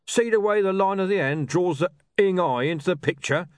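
A man doing a loud, cursing thug. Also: high voice, fairly quick, no echo, clean studio sound, voice pushed up, natural voice. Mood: gruff. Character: loud, coarse, swearing male thug with a love of art.

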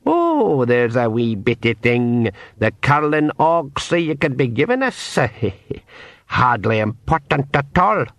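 A man's voice: mid-range voice, big pitch swings, fairly bright tone, no echo, exaggerated voice. A man voicing a cracked old Scottish pixie. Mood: sly. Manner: slow, wheedling, drawn out. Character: old bearded male pixie with two sticks, sly. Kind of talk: audiobook character voice.

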